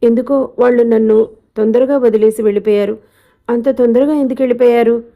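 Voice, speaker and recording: A woman's voice: on the high side, steady tone, a little fast, vocal fry, phone-quality sound. A woman voicing a young wife in a storybook reading, speaking in a subdued, reflective way. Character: young wife, quiet and withdrawn.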